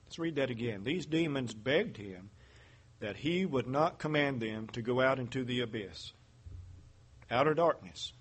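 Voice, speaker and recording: Male preacher, husky voice, measured Bible teaching with rhetorical questions. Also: mid-range voice, animated.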